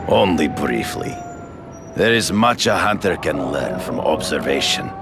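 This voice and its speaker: Grave big-game hunter, middle-aged man, rumbling bass, slow grandiose delivery, formal, video game. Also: sing-song, music in the background, full character voice. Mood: solemn, persuasive. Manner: deliberate, grandiose, formal phrasing.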